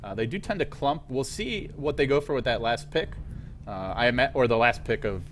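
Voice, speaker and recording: A man casting a live esports match, chatty and energetic, tired after staying up all night. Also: mid-range voice, fairly quick, slight background noise. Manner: energetic, chatty, self-correcting. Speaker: esports caster. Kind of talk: live game commentary.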